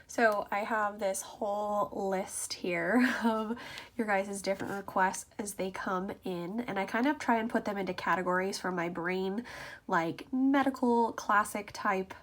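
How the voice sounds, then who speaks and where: Speaking a little slowly in a middle-pitched voice, an ASMR creator and vlogger chats with her audience. Her explanations are informal and conversational, in a behind-the-scenes vlog style.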